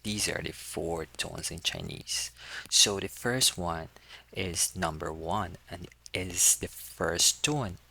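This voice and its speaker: Slow gravelly man teaching. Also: deep voice, bright, forceful tone. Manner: slow, patient, repeats and demonstrates sounds. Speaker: language tutor. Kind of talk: casual teaching walkthrough.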